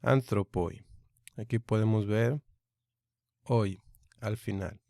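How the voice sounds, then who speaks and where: A man teaching a recorded online Greek lesson, speaking slowly and deliberately and repeating each sound aloud. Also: mid-range voice, fairly even intonation, darkish tone, no echo, clean studio sound.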